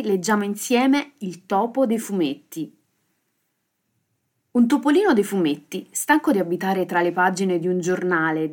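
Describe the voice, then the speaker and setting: A woman hosting a children's podcast, reading a fable aloud with lively, expressive delivery. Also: mid-range voice. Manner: lively expressive reading with sound-effect words. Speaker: storyteller host.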